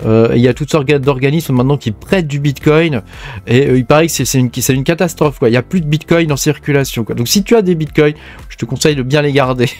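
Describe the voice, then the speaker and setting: A man's voice: mid-range voice, fast talker, a little mellow, faint music behind. Chatty French man, hesitant delivery. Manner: chatty, hesitant, frequent fillers. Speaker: crypto mining channel host. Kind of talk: casual news commentary.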